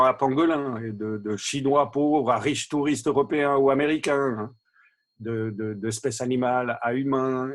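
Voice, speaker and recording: Philosophy teacher, male, husky voice, mid pitch, halting reflective delivery. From Switzerland. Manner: hesitant, thinking aloud with restarts and repetitions. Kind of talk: reflective spoken talk.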